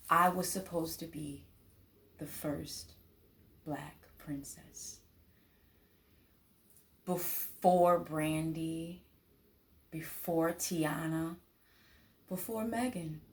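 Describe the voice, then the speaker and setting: A woman casually telling a personal childhood story to her viewers, chatty and lively, laughing often and acting out the voices of people in it. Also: low voice, a little hiss or hum. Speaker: vlogger.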